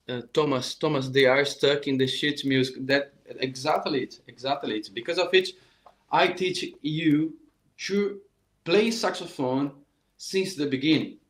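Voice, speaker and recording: A middle-aged Brazilian man with a Portuguese accent gives an informal online saxophone lesson in a slightly high, reverberant voice. His English is earnest and repetitive, and he often restarts his sentences.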